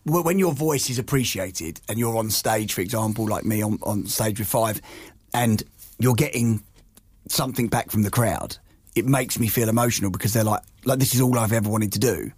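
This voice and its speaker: A husky man in his forties chats on a podcast, rambling through animated stories and restarting his sentences often. His voice is recorded close and dry, with no room sound around it. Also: lowish voice, dry recording. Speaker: podcast co-host. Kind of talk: casual chat.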